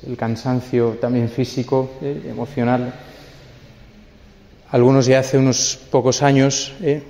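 A man's voice: mid-range voice, dark tone. A man, a priest, giving a conversational homily at a memorial mass, often tagging his sentences with a questioning "eh?". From Spain. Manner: conversational, keeps adding a tag "eh?". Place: church. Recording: long church reverb.

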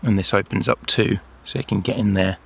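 Low gravelly man showing toys. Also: brisk. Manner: relaxed, explanatory, fillers. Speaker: toy reviewer. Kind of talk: casual toy review narration.

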